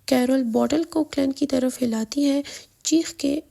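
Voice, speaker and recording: A woman's voice: high voice, creaky, warm tone. A woman narrating a comic story recap in a chatty, casual storytelling way.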